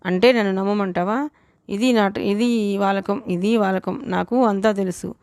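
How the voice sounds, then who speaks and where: A bossy, taunting neighbor woman voiced by a woman narrator from a storybook reading. She presses slowly and insistently, in a smooth clear voice. Her pitch stays flat, and the sound is dry and close. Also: dry recording, close to an everyday voice. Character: pushy meddling neighbor woman demanding donations.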